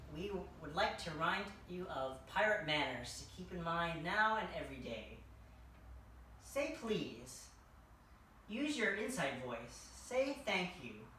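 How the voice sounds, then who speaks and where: In a slow, sing-song voice of medium pitch with a bit of brightness, a young adult dressed as a king reads a picture book at a children's story time. The large furnished room is echoey, heard through a distant camera mic with faint noise.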